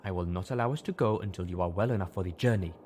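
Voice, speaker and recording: In a fantasy audiobook, a man voices a grave female zebra healer, speaking low, quiet, flat, and deliberate in a solemn, natural voice. The character sounds calm, blunt, and firm, and there's a little hiss or hum on the recording.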